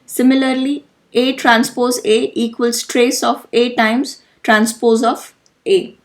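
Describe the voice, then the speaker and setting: A woman's voice: a little high, flat delivery, takes it slowly. A woman lecturing through matrix notation step by step, methodical and now and then correcting herself. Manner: methodical, self-correcting explanation. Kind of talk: slide-based math lesson.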